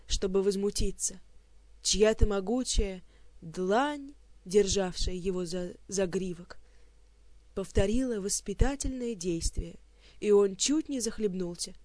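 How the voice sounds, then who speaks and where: Audiobook narrator, lively storytelling, mid-pitched, dry close recording. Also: dry recording. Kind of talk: scripted fantasy narration.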